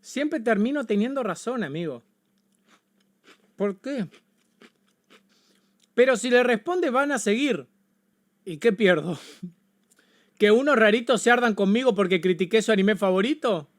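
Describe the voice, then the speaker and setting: A man with an Argentine accent reacting on a casual livestream, excitable and swearing, often repeating himself. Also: high voice, unhurried, pauses often. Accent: Argentine Spanish. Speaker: streamer.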